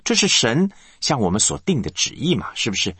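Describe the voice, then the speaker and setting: A man's voice: medium pitch, huge pitch swings, brisk, a bit bright, breathy edge, no room sound. A male pastor preaching a sermon, asking the congregation rhetorical questions.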